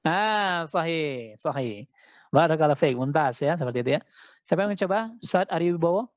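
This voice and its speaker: A man teaching Quran recitation in an online class, chanting verses slowly and then explaining them quickly, heard over dull call audio. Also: a little high, lively intonation, no room sound. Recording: dull, lo-fi dry sound.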